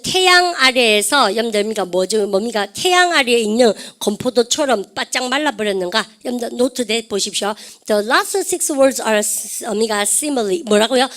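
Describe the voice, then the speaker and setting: Female vocab teacher, slightly high voice, quizzing style, students repeat after her, mixes Korean and English. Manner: calls out questions and has students repeat words; switches between Korean and English. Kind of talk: classroom lecture.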